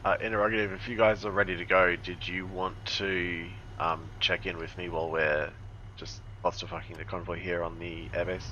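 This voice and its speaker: A man giving brisk military radio calls over a walkie-talkie, full of procedure lingo and "uh" fillers. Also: low voice, little pitch movement, bright, forceful tone. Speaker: air controller in a military sim game. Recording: muffled radio line with faint noise.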